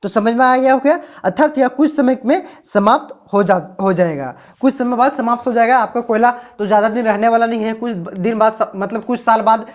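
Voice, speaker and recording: A rather high-voiced woman talks fairly quickly, barely pausing, while teaching students for an exam. Rhetorical questions that she answers herself drive her explanations, and she often repeats "ठीक ना" and "प्यारे बच्चों". The recording sounds dull and lo-fi.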